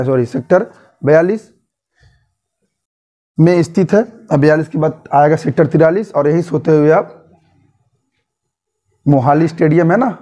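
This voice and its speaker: A man's voice: fairly high pitch, warm tone. A young man from Uttar Pradesh teaching an exam-prep lesson, repeating points and quizzing listeners with tag questions. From Uttar Pradesh, India.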